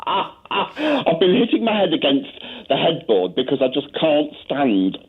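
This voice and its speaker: A man's voice: fairly high pitch, wildly swooping pitch, a little slow, slightly rough. A man with a jokey, chatty manner who laughs often, calling a radio show over a landline phone. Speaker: caller. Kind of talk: phone-in chat. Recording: tinny landline phone line.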